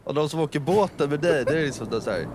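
A man's voice: a little high, lively intonation, background noise. A man co-hosting a casual podcast chat, rambling in a laid-back way with wry understatement. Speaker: podcast co-host.

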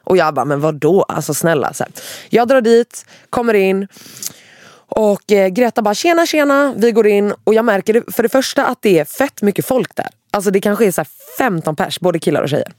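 A young woman tells a dramatic personal story in a casual, animated way. She swears freely and slips English phrases into her talk. Her voice sits at a middle pitch and sounds dry and close to the mic. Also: dry recording.

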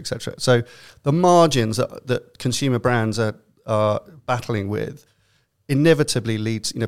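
A man with a London accent, a CEO on a podcast panel, talking at length with many fillers and restarts. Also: medium pitch. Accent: London English. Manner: rambling, filler-heavy, self-correcting. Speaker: consultancy CEO, panel guest.

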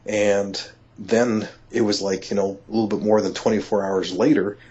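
Low-voiced husky man telling a story. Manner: halting, many restarts and "you know"; excitable, rising when amazed. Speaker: interview guest. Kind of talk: conversational storytelling. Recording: dull lo-fi audio.

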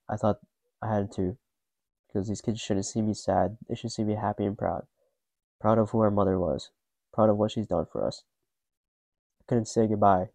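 Young man narrator, low and monotone, mellow and subdued, dry close recording. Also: creaky, dry recording. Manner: subdued, grieving, restrained. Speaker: podcast co-host narrator. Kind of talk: scripted personal narration.

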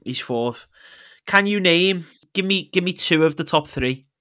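Brief: man, podcast host, slightly high voice, chatty, quick to laugh, quizzing his co-host. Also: animated, sharp tone. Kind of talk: casual football podcast chat.

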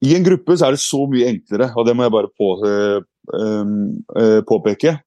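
A man's voice: on the low side, dark tone, no room sound. A man giving a casual explanatory talk, reflective, with frequent hesitations and restarts. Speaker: speaker.

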